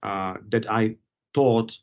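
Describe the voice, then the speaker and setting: A man speaks in a measured, formal way as an interview guest. His voice sits on the low side. The sound comes through a slightly muffled video-call line. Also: steady tone. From Czech Republic. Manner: measured, formal policy explanation. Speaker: guest, policy advocate.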